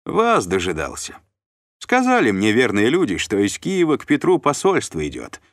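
A chubby, crafty noble who chatters and haggles with good humor, played by a man in a raised, lively voice. The storybook uncle is scheming yet warm. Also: mid-range voice, moderate pace, no room sound, studio quality, pitched above the performer's own voice. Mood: jovial. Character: plump, sly, jovial male noble uncle.

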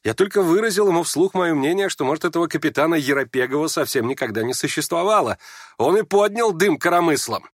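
A man's voice: a little high, expressive, moderate pace, a bit bright, no room sound, studio quality, voice pushed up. A man sneering as a mocking sickly youth.

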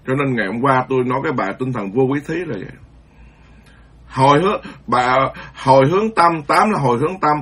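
A Buddhist monk giving an informal dharma talk, rambling and conversational, stumbling over repeated words. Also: male voice, mid-range voice, a bit bright, slightly rough.

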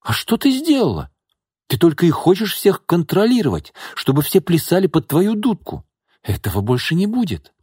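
A defiant young woman, as a male reader puts her on, her voice lifted high and strained as she talks back. The delivery is heated and animated, rising and falling widely. Recorded dry and close. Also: normal speed, husky, dry recording, heavily acted. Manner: defiant, pleading. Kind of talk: audiobook character voice.

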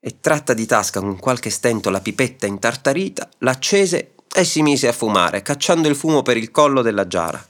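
A man narrating a classic short story aloud in a measured, expressive reading. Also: mid-range voice.

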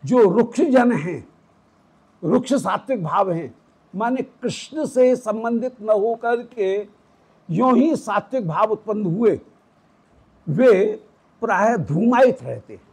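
A man's voice: high voice, lively intonation, takes it slowly, pauses often, a little mellow, slightly rough, low-quality recording. A man giving a devotional scripture discourse, explaining Vedic pronunciation step by step. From South India roots. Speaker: religious teacher.

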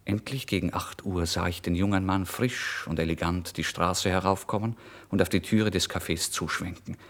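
In a German radio drama reading, a male actor with a low voice at normal speed plays a penniless, emotional writer narrating his own misery in the first person. The mood is brooding and tense, and his theatrical, intense delivery swings between hushed and exclamatory.

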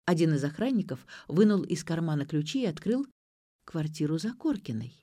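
A woman reads a story aloud in a lively, expressive voice with a wide, animated pitch. Her voice sits at an ordinary middle height. The recording is dry and close to the mic. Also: a little fast, dry recording. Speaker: audiobook narrator. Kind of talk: audiobook reading.

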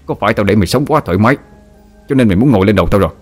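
A man's voice: deep voice, lively intonation, moderate pace, soft background music. A man voicing a cruel, jealous ghost husband who threatens and sneers at his young wife. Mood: angry, menacing.

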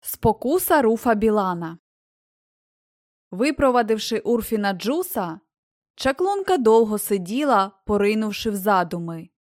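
A woman narrating a fairy-tale audiobook in an even, expressive reading. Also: medium pitch, a little slow, no room sound, studio quality. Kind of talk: scripted storybook narration.

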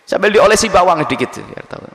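Preacher, middle-aged man: high, bright, very lively voice, playful storyteller, echoing hall. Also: quick pace, gravelly. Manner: animated, playful, acts out examples. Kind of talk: Ramadan sermon. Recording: long hall reverb.

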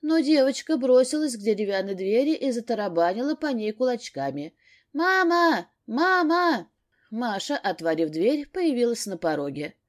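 A woman narrating a novel in a steady storytelling manner. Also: a little high, a little fast, few pauses. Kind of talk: audiobook narration.

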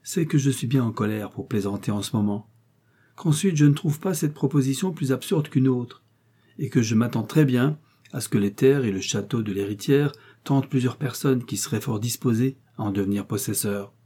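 A man's voice: mid-range voice, normal speed, warm tone, slightly rough, lightly acted. A man reading the part of a proud young baronet with a stiff, indignant manner. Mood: irritated. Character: young male baronet, proud and easily vexed.

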